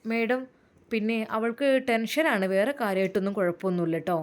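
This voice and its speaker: A woman voicing a hospital nurse who gives quick, reassuring updates. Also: medium pitch, lightly acted.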